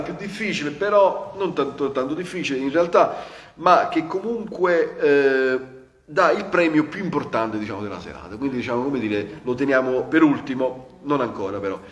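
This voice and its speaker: A man hosting an interview informally, in a hesitant, roundabout way. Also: medium pitch. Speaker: interview host. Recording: echoey room, clear background noise.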